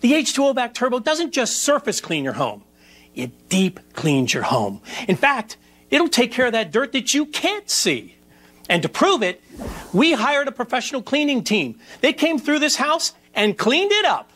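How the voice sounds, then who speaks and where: Animated middle-aged male infomercial presenter. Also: very high-pitched, moderate pace, slight background noise. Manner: emphatic, punchy repetition. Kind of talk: demonstration sales pitch. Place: furnished living room indoors.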